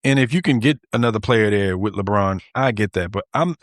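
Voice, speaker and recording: A man co-hosting a casual sports podcast over a video call, animated and quick to laugh, often repeating himself. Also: fairly low pitch, dry recording, clean studio sound. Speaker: podcast co-host.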